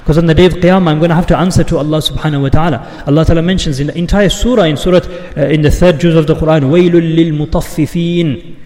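A man giving an impassioned Eid sermon, building to forceful rhetorical questions. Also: a little high, fairly even intonation, rapid-fire. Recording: long hall reverb.

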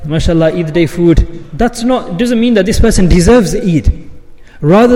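A man giving an impassioned Eid sermon, building to forceful rhetorical questions. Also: a little high. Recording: long hall reverb.

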